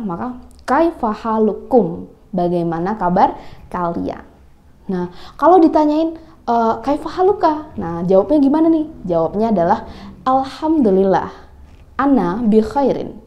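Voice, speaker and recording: A woman's voice: medium pitch, dull audio. A woman teaching Arabic greetings in a casual video lesson, chatty and full of little fillers. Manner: chatty, explains with many "nah" and "kayak gitu" fillers.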